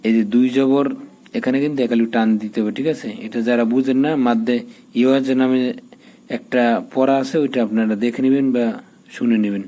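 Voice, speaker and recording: Calm low-key male recitation teacher. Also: low-quality recording. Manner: patient, spells out letters and vowel marks one by one; slows down for drawn-out chanted recitation. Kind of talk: step-by-step recitation tutorial.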